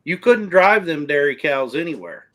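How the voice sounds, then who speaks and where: A man's voice: on the high side, very animated, normal speed, sharp tone. A man with a Texan accent, a rancher guest in a casual stream chat, explaining at length in country grammar.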